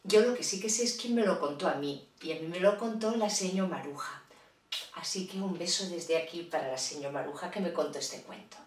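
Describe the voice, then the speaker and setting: Speaking a little fast in a fairly low voice, a woman storyteller spins a children's fairy tale with playful chatter and asides to her audience. She is far from the mic, and the room is echoey.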